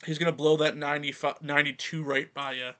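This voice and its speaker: A young man co-hosts a baseball podcast, chatting casually and poking fun at himself while rattling off stats. His voice is on the high side, fast, and sharp in tone, though his delivery is flat.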